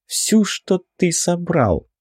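A man's voice: high-pitched, very animated, slow pace, a little mellow, slightly rough, no echo, studio quality, pitched above the performer's own voice, heavily acted. A man voicing a sly, snarling five-hundred-year-old demon woman in an audiobook, with a mocking, defiant delivery. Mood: bitter. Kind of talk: audiobook character voice.

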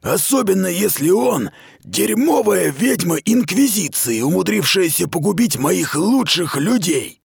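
A stern, coldly patronizing military commander in an audiobook, as a male reader voices him. His clipped, dry lines come in a raised voice with lively swings of pitch. The recording is close and dry. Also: measured pace, creaky, husky, no room sound, heavily acted.

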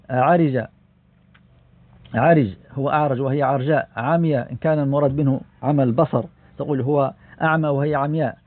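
A man teaching Arabic grammar from a classical book, explaining in a measured way with frequent "aah" fillers and self-corrections. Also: on the high side, no echo. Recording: dry, tinny phone-like sound.

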